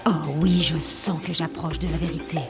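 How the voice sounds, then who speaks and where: A woman's voice: deep voice, fairly even intonation, moderate pace, over loud music, lightly acted. A woman playing a dreamy, opinionated young nature lover in a French cartoon dub, lofty and self-assured.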